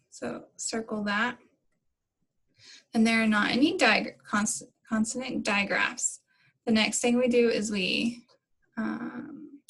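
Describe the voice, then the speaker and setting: A woman teacher explaining phonics coding step by step in a slow, patient way to young pupils. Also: fairly high pitch, fairly bright tone, rough recording. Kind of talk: recorded phonics lesson for children.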